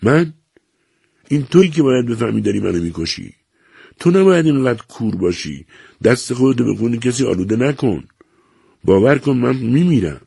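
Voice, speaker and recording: A man's voice: medium pitch, big pitch swings, gravelly, dark tone, husky, no echo, clean studio sound, voice pushed up, heavily acted. A man voicing a desperate middle-aged man who pleads in a strained, raised voice, for an audiobook. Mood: pleading.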